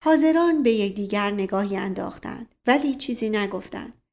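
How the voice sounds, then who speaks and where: A woman reading a novel aloud in an even, measured narration. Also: mid-range voice, creaky. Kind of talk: audiobook narration.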